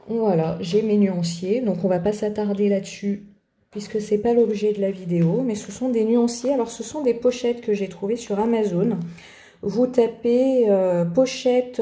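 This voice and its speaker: A woman's voice: mid-range voice, dark tone. A woman chatting casually through an art journal tutorial, hesitant, with many fillers. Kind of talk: casual craft tutorial chat. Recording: echoey room.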